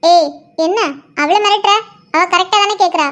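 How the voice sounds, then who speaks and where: A woman's voice: very high voice, normal speed, fairly bright tone. A woman voicing a feisty young female student who defiantly stands up to a bully, in a cartoon story. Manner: defiant, cheeky.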